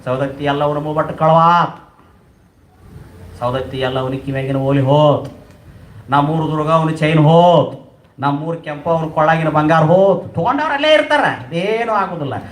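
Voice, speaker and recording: A man with a North Karnataka Kannada accent giving a sermon, speaking emphatically, repeating phrases and swinging his pitch up and down. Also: normal speed, roomy sound, poor audio. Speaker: religious discourse speaker.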